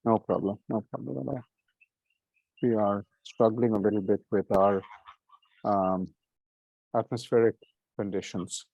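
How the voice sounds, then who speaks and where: Male conference call host, fairly low pitch, casual and courteous, asks plenty of questions. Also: fairly even intonation, measured pace, vocal fry, pauses often, a little mellow, no room sound, lo-fi sound. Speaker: session host and astronomer.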